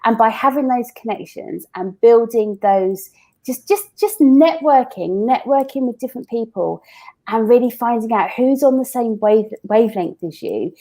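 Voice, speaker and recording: A woman with a slightly high, mellow voice and lively intonation speaks at a moderate pace. She's a recruitment founder appearing as a podcast interview guest, chatting casually, using everyday examples, and often restarting her sentences.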